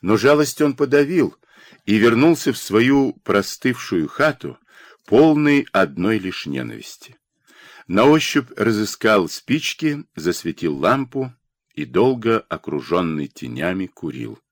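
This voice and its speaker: Low-voiced, expressive male audiobook narrator. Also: measured pace, no room sound. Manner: expressive, with lively pitch. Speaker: audiobook reader. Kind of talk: scripted narration. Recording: dry studio recording.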